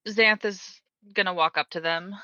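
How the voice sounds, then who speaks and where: A woman's voice: on the low side, steady tone, normal speed, pushed and bright, no echo, lo-fi sound. A woman speaking casually as a player in a tabletop role-playing game.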